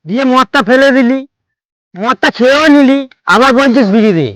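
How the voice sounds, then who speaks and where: A man's voice: extremely high pitch, moderate pace, a bit bright, dry recording. A man playing a bossy, belligerent drunk in a comedy skit, scolding his drinking buddies and repeating his demands. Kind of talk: comedy skit acting in colloquial Bengali.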